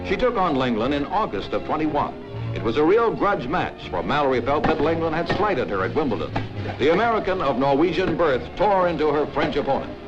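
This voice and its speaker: A man narrating an old newsreel in a brisk, emphatic announcer manner. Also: a little high, very animated. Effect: old newsreel soundtrack. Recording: dull lo-fi film soundtrack with music.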